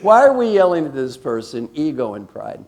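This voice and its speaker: A man's voice: mid-range voice, moderate pace, vocal fry. An older man leading a workshop, teasing the audience, asking them questions and acting out quotes. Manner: animated, teasing, quizzes the audience and acts out quotes. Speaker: leadership coach leading a workshop. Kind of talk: interactive seminar talk to an audience.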